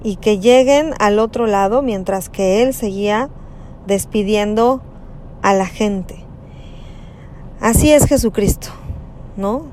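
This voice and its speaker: A woman giving a slow, conversational reflection on a Gospel passage, often adding tag questions. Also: medium pitch, a little mellow, slight background noise. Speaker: preacher.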